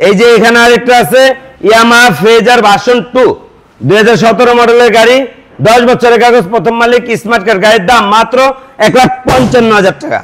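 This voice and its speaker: A man with a Bangladeshi Bengali accent giving a used motorbike sales pitch, reeling off features and prices item by item. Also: fairly even intonation, fast talker, a bit bright, rough recording.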